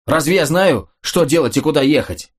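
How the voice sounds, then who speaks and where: A man's voice: fairly high pitch, lively intonation, moderate pace, slightly rough, voice pushed up. Man doing a panicky blunt soldier. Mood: angry. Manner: loud anguished outbursts. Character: panicking blunt young male officer.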